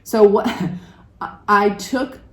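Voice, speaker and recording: A woman's voice: mid-range voice, steady tone, extremely slow, fairly bright tone. An older woman co-hosting a crafting show, chatting casually and thoughtfully explaining how she works. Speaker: co-host. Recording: echoey room.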